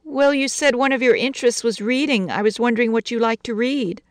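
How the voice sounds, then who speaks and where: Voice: mid-range voice, fairly quick, dry recording, pitched above the performer's own voice, lightly acted. A storyteller voicing a shy, bookish little girl asking earnest questions.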